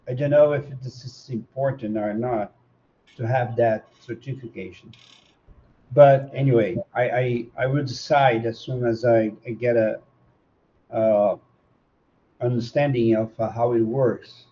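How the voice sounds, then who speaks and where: A man's voice: medium pitch, fairly even intonation, measured pace, muffled recording. Hesitant man asking a question. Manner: hesitant, many uh's and repeats. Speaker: class participant.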